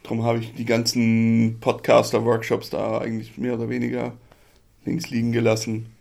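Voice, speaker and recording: A man's voice: mid-range voice, monotone, normal speed, gravelly, darkish tone. A man co-hosting a casual podcast chat, hesitant and given to sarcastic jokes. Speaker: podcast co-host.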